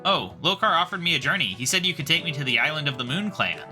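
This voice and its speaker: A man's voice: a little high, lively intonation, quick pace, music in the background, natural voice. A man voicing an earnest, polite young male adventurer hero in a game playthrough.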